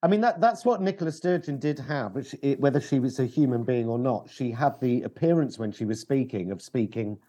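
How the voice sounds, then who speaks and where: A man's voice: mid-range voice, a little fast, few pauses, mellow. A British man in casual political chat, swearing freely and throwing out rhetorical questions.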